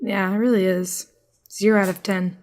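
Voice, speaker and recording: A woman's voice: medium pitch, moderate pace. A woman co-hosting a casual musicals podcast, dry and teasing in her replies. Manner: deadpan, teasing. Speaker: podcast co-host. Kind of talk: casual chat.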